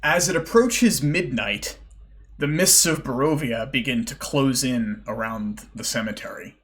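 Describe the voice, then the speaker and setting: A man running a tabletop game as game master, narrating with a relaxed, halting delivery. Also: mid-range voice. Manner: relaxed, hesitant with fillers and restarts.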